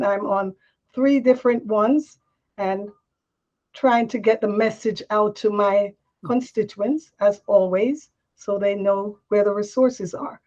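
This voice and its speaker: A woman's voice: medium pitch, a little mellow. An older woman from Jamaica, a mayor running for office, answering firmly and with self-assurance in a panel interview. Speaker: mayor and candidate. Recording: dull lo-fi sound.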